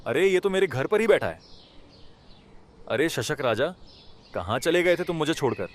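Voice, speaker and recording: In a Hindi animated moral story, a man voices a kind-hearted, emotional poor villager, pleading dramatically and sounding astonished and eager. His voice sits on the high side with big pitch swings, at a moderate pace.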